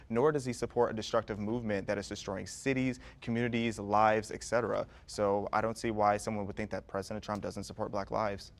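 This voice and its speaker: A man arguing his side in a panel debate, firm and confident. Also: on the low side. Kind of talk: debate discussion.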